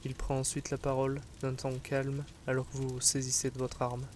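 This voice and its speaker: A man narrates a fantasy adventure in a measured, solemn way. His medium-pitched voice stays very even throughout. Faint ambient noise runs behind him. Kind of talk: scripted second-person fantasy narration.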